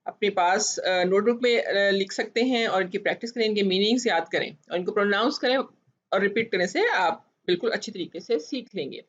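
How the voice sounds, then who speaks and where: A woman's voice: medium pitch, lo-fi sound. A woman teaching phonics, sounding out letters and stretching each word as she repeats it. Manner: drawn-out, repeated word pronunciations.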